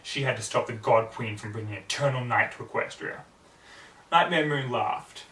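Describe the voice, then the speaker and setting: Here the same kind of storyteller, a young man, delivers dramatic and earnest fan fiction narration at normal speed with a bright, forceful, mid-range voice. A camera mic placed far off in a small home room picks up a roomy sound and background noise.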